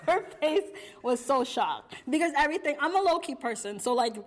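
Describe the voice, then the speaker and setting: A young woman podcast co-host telling personal stories in casual, slangy, animated chat. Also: high voice, moderate pace.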